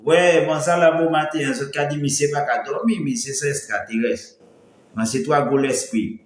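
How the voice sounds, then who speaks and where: A man's voice: mid-range voice, normal speed. A man talks in a loose, rambling way on his live stream, with a light voice that breaks when he strains it. The sound echoes around the room. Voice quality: voice thin and cracks when pushed. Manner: rambling, greets viewers by name, mixes in Creole. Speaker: livestream host. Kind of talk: casual live-stream talk.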